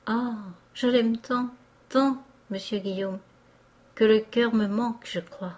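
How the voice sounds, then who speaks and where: A woman's voice: a little high, steady tone, slow, darkish tone, pitched above the performer's own voice. A woman voicing a timid, emotional young male clerk who speaks in a humble, faltering, earnest way. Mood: tearful.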